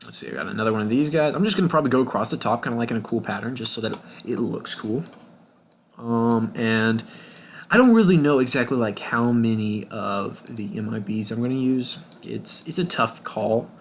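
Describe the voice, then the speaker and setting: A young man giving casual, rambling commentary over a video game, with sudden excited outbursts and whispered asides. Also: on the low side, slight background noise. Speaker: gaming YouTuber.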